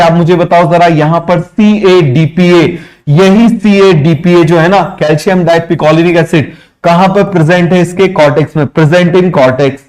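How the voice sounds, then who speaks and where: A young man giving a live online biology lecture, quizzing his students with quick questions and answering them himself, drawing out English terms slowly. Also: sits high, darkish tone. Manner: mixes English terms into Hindi, drawn out slowly. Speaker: biology teacher. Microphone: streaming microphone.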